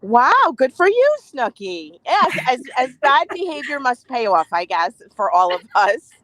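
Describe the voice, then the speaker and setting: A woman, a reality TV cast member, appears as a guest in a casual chat interview over a remote video call with a bad connection. She talks emphatically and laughs often in a high, a bit bright voice with big pitch swings at an unhurried pace. There's no echo, and the recording is low quality.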